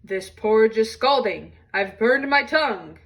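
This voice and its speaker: A woman's voice: fairly high pitch, expressive, unhurried, fairly bright tone, recorded from a distance. A woman voicing a big, old, grumpy father bear, blustering and indignant, in a storybook read-aloud. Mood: pained, indignant.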